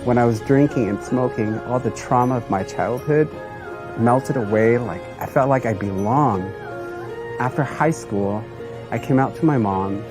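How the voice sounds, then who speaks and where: A man's earnest testimonial plays over music, told plainly in short phrases. His voice is medium in pitch and his pace unhurried, and he is from Southeast Asia and the United States.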